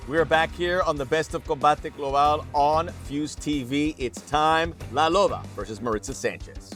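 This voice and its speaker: A man's voice: a little high, moderate pace, fairly bright tone. A man hosting a sports show, commentating on fights with punchy promotional phrasing over music. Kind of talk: MMA broadcast commentary. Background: music bed.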